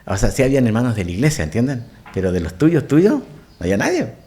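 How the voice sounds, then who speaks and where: A male Chilean pastor preaches in a lively storytelling way. His pitch rises and falls a lot, and he often stops to ask the congregation whether they follow. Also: fast. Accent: Chilean Spanish. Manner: animated, asks the congregation questions. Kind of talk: storytelling sermon. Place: church.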